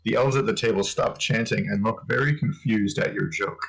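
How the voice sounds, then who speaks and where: A man reading an AI text adventure aloud in a dry, steady way. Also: on the low side, normal speed, vocal fry, husky, rough recording. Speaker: player narrating.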